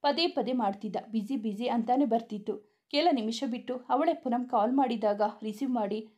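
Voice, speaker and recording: A woman reading a serialized love story aloud in a steady, even manner. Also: on the high side, normal speed.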